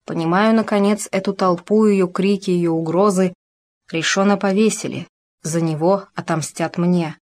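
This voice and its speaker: Young male officer, earnest, declaiming, read by a woman, low voice. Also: fairly even intonation, normal speed, darkish tone, close to an everyday voice. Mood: shaken. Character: young male officer, brave then shaken. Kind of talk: audiobook character reading.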